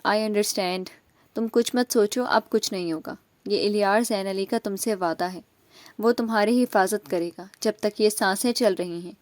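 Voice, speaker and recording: A woman's voice: medium pitch, no echo, close to an everyday voice. Woman reading as a teasing protective young man. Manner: mocking, soft-spoken.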